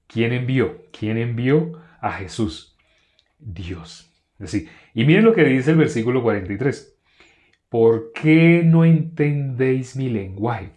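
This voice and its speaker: A man leading a Bible study, reading verses aloud slowly and asking his listeners questions that he answers himself. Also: fairly low pitch, a little mellow. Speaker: Bible teacher.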